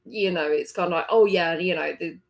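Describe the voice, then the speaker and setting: A woman's voice: low voice, steady tone, a little fast, vocal fry. A woman co-hosting a casual game podcast, reading store blurbs and chatting with some hesitation. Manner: reads store blurbs, hesitant, laughs softly. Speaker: podcast co-host.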